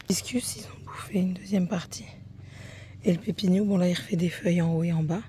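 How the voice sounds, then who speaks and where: A woman's voice: on the low side, steady tone, fairly quick, mellow, slight background noise. A woman chatting casually to her phone camera outdoors in a garden, swearing freely and getting heated as she talks. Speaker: vlogger.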